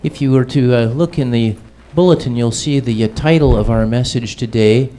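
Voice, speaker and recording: In a church hall, a middle-aged pastor holding a handheld mic presents a guest speaker at an unhurried pace, with filler-laden pauses. His voice sits in the mid-range and has a dark tone.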